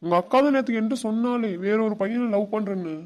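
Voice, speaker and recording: A man's voice: sits high, quick pace, slight background noise, close to an everyday voice. A man voicing a heartbroken, earnest young village man in a cartoon, pleading and sincere. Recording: dull lo-fi sound.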